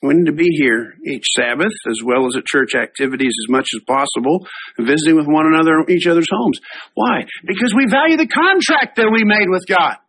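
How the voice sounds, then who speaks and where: A middle-aged man, a pastor, preaching a sermon, reading scripture slowly and then explaining it in a conversational way. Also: fairly high pitch, animated, a bit bright, slightly rough, low-quality recording.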